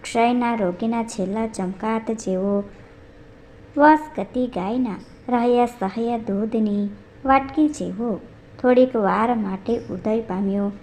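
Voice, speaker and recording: A woman with a fairly high voice reads a folk tale aloud at a slow, unhurried pace. She tells it in measured storytelling narration and reads the characters' quoted lines as part of the tale. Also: dark tone.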